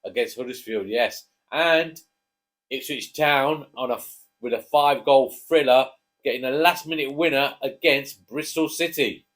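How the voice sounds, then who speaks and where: Chatty dad hosting. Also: male voice, mid-range voice, measured pace, fairly bright tone. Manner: chatty, jokey, prompts his co-host. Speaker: co-host, father. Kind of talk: casual chat.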